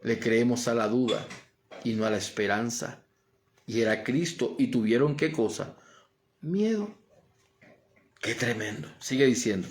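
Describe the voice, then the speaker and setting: A man's voice: medium pitch, a little slow, pauses often, a little hiss or hum. A male pastor preaching a sermon, with a Colombian Spanish accent, building emphatic swells and posing questions he answers himself. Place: church.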